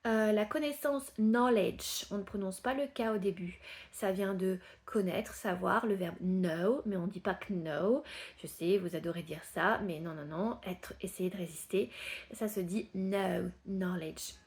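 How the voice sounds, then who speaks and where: A woman whose first language is French, teaching English pronunciation. She repeats each word patiently and drops into soft asides when she explains. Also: mid-range voice, moderate pace. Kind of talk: pronunciation lesson.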